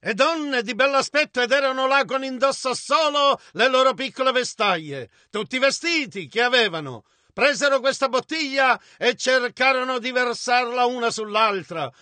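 A man voices a translation of a sermon in a measured, steady delivery. His voice is very high and bright. The sound is dry and close. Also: no room sound. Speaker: interpreter.

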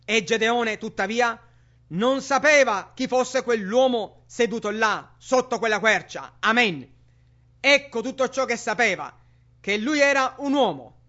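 A man's voice: very high voice, expressive, measured pace, pushed and bright. A man preaching a sermon with emphatic rhetorical questions to the congregation. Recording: dull lo-fi sermon recording.

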